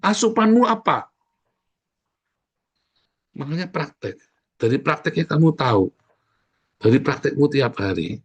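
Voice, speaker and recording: A man's voice: fairly high pitch, sing-song, measured pace, long pauses, slightly rough, highs cut off. A middle-aged man preaching a sermon as pastor, exhorting the congregation directly and repeating his key phrases over and over.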